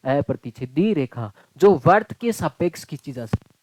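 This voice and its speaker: A man's voice: fairly high pitch, sing-song, normal speed, a little mellow, a little hiss or hum, poor audio. A man teaching a maths class online, chatty and joking, calling his students "beta" and "bhai".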